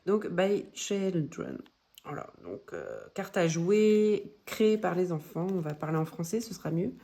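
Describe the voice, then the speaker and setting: A woman casually showing her new card decks, talking in a gentle, hesitant way with many pauses and fillers. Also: on the low side, big pitch swings. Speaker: tarot deck vlogger. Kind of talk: casual show-and-tell.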